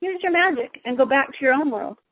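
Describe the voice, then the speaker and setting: A woman's voice: high voice, expressive, brisk, dry recording, muffled recording, voice pushed up. A woman voicing a proud, tempting evil witch queen from a storybook, with an imperious, persuasive manner. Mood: scornful, urgent.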